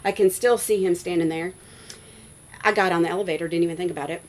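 A woman in her forties, a schoolteacher, telling a personal story in a casual interview, animated and full of "like" and "you know.". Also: on the low side, fast talker, poor audio. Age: 40s. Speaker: guest, schoolteacher.

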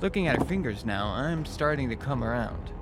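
A man with a mid-pitched voice tells a scary story in the first person, sounding animated and a little fast. It's a scripted storytelling read with music clearly audible beneath it.

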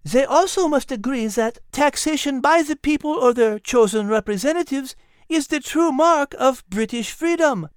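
A man's voice: extremely high pitch, animated, moderate pace, no echo, studio quality, pitched above the performer's own voice. A man voicing an eager, curious young girl in a raised, earnest voice.

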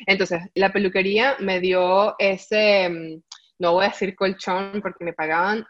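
A woman telling her story in casual chat, animated, laughing often and dropping English words into her Spanish. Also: medium pitch, measured pace. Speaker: guest. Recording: dull lo-fi audio.

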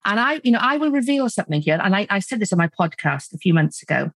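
A woman speaking as a podcast guest, explaining her views in a steady, self-assured way. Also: mid-range voice, fast talker, creaky, dry recording. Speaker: podcast guest, money coach. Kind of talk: conversational interview.

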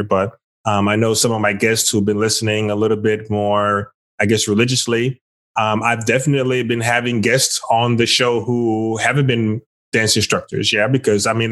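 Speaking in a fairly low voice with a fairly bright tone, this podcast host from Texas keeps his interview casual and loose, leaning on fillers such as "like" and "you know."

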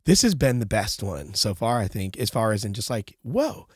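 A man's voice: fairly low pitch, very animated, normal speed, a little mellow, husky, dry recording, studio quality. A man with a congested, nasal voice hosting a podcast, chatting casually and emphatically, often repeating himself to make a point. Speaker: podcast host. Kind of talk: casual co-hosted podcast chat.

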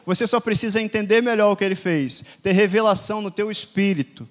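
High-voiced Brazilian preacher man. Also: a little fast. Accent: Brazilian Portuguese. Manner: emphatic, repetitive declarations that swell louder. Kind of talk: sermon.

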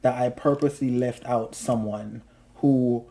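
A woman's voice: rumbling low, steady tone, unhurried, dark tone. A woman co-hosting a podcast in casual chat, talking loosely with lots of fillers and frequent laughs. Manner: chatty, laughs often, many fillers. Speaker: podcast co-host.

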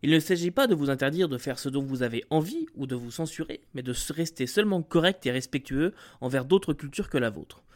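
Brief: young man, fairly high voice, conversational game master giving tips. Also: a little fast, hardly any pauses. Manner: conversational, lively, with occasional fillers. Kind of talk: explanatory video talk.

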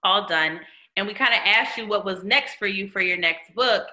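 A woman's voice: medium pitch, normal speed, pushed and bright, poor audio. A woman co-hosting a talk show in a casual, conversational style. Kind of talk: casual chat.

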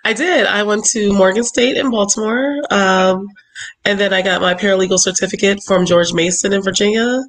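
A woman's voice: medium pitch, normal speed, rough recording. A woman in her forties from Philadelphia, a travel business owner chatting casually as a podcast guest and laughing often. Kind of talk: casual interview chat.

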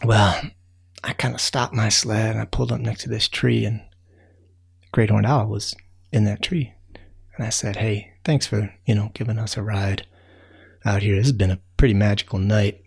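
With vocal fry and a slightly rough, low voice, this man keeps his pitch fairly flat at a moderate pace. He plays an easygoing, friendly raccoon who chats his way through a bedtime tale, rambling folksily with plenty of fillers.

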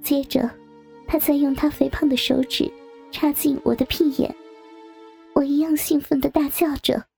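A woman narrating a first-person adult story in a soft, breathy, near-whispered delivery. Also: high voice, steady tone, normal speed, faint music behind.

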